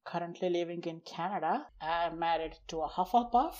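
The recording is muffled, capturing a man with a high-leaning, slightly mellow voice at a moderate pace. A Gujarati native with an Indian accent, he's a casual podcast guest who explains in short, loose chunks and half-finished sentences.

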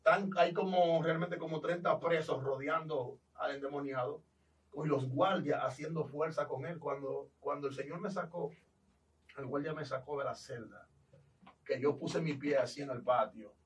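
A Dominican pastor animatedly tells his testimony, acting out the voices of people in the story, with a Dominican Spanish accent. His voice is a little high at a moderate pace, and the mic is distant in a low-quality recording.

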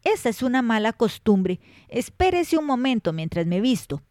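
A woman's voice: on the high side, sing-song, a little mellow, dry recording, clean studio sound. A woman playing grumpy animal uncles of a folk tale. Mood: grumbling. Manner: slow, grumbling and scolding. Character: lazy, scolding male uncle animals (tiger, coyote).

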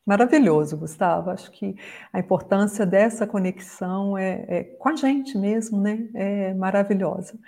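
A woman's voice: medium pitch, normal speed, vocal fry. A woman hosting a podcast, affirming her guest and moving the talk toward its close. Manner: warm affirming interjections. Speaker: podcast host. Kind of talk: casual chat.

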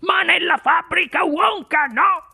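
A reader voicing an excitable old grandfather in a storybook audiobook, exclaiming and stretching words for drama. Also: very high-pitched, gravelly, pitched above the performer's own voice, full character voice. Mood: excited insistent. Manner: dramatic, exclaiming, drawn-out emphasis. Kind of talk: audiobook character voice.

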